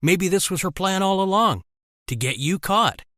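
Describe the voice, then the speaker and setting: A man's voice: high-pitched, lively intonation, moderate pace, fairly bright tone, no echo, clean studio sound, pitched above the performer's own voice. A man voicing a sneering villain. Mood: taunting. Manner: sarcastic, taunting. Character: sneering villainous middle-aged male captor. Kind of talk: animated story voice-over.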